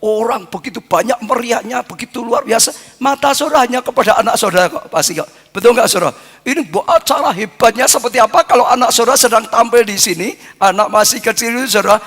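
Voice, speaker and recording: An older man preaching a sermon, fervent, building into chanted shouted repetitions and dropping low between them. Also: fast talker, breathy edge. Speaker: pastor. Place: church hall. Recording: echoey church hall with music.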